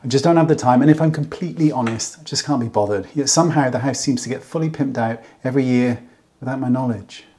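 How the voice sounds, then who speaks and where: A man's voice: mid-range voice, quick pace, mellow. Wry chatty man in a roomy room. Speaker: vlogger. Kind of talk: casual chat to camera. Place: home living room, indoors. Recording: roomy echo, faint music behind.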